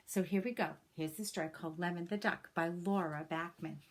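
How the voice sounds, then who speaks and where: Reading a picture book aloud for children, a woman with a voice on the low side takes a teacher's approach: expressive, deliberate phrasing and personal asides to the kids. Some background noise is present.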